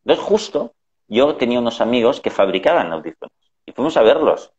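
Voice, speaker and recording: A man's voice: mid-range voice, sing-song, fairly quick, darkish tone. A middle-aged man telling family anecdotes in casual conversation, acting out the voices he quotes. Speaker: guest. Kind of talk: conversational storytelling. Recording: dull lo-fi sound.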